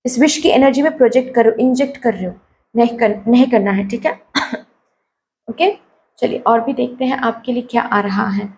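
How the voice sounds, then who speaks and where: A woman with a slightly hoarse, sore throat giving a tarot reading to her viewers, advising them and often checking "okay?" while mixing in English phrases. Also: fairly high pitch, normal speed, a little mellow, a little hiss or hum. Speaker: tarot card reader.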